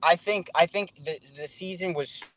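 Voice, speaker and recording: A man's voice: sits high, moderate pace, a bit bright. A man talking casually in a sports debate over a remote call whose connection keeps breaking up and cutting off his words. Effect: choppy internet call connection cutting out mid-word. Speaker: panelist on a sports call-in show. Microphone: remote video call.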